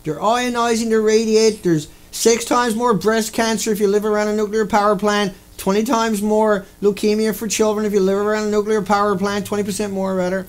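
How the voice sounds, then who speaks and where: Angry ranting man, high voice. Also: rough recording. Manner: repetitive, profane, indignant; shouting bursts. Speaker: video host.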